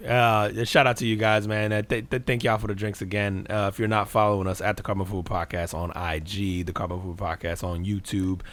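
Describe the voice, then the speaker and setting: A man's voice: fairly low pitch, level tone, fairly quick, few pauses, fairly bright tone, no room sound. An American man hosting a podcast in casual, profane banter, talking like a frat bro with lots of slang. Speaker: podcast host.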